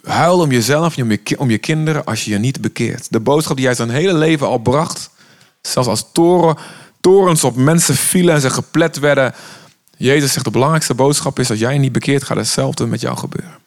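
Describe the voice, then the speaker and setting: A man's voice: medium pitch, fairly quick. A man from the Netherlands preaching an urgent, impassioned sermon, sometimes voicing the words of Jesus.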